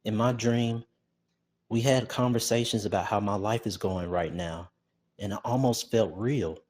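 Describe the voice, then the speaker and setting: A determined young ranger leader speaks, his voice pitched low with a slightly husky edge, as a man reads him. He talks firmly and earnestly, even when grieving, in a homemade audiobook. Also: unhurried. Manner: firm, earnest, grieving but resolute. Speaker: audiobook narrator.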